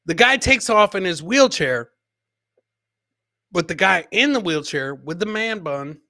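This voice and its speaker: Hosting a live comedy podcast, a man casually reacts to funny clips, rambling, joking, animated and repeating his catchphrases. His voice sits high and unhurried, in a dry recording with clean studio sound.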